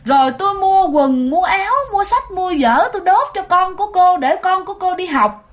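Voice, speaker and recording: A woman's voice: very high voice, lively intonation, normal speed, voice pushed up. A woman voicing a terrified man begging a ghost for mercy, speaking with a Southern Vietnamese accent. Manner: pleading, frantic.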